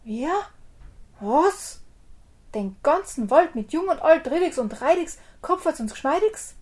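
A woman booming as a huge slow-witted giant. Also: darkish tone, natural voice. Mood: bewildered muttering. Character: huge dim-witted fearful male giant.

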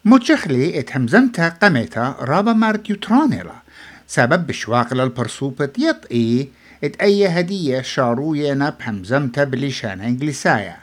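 Teacher with lively pitch explaining phrases. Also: brisk. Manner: explains then cues repetition. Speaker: language teacher.

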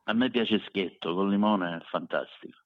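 Deep-voiced Sicilian man in an echoey room. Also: moderate pace. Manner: emphatic, repeats words for emphasis. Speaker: street food cook, interview guest. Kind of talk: casual conversational interview. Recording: echoey room, dull lo-fi sound.

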